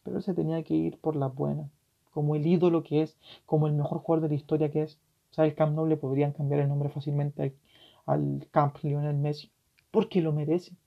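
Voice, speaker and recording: Tearful gravelly Chilean man ranting. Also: on the high side, level tone, a little fast. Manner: impassioned, swearing, voice swinging from loud to hushed. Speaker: podcast host. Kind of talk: emotional solo podcast rant. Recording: dull lo-fi recording.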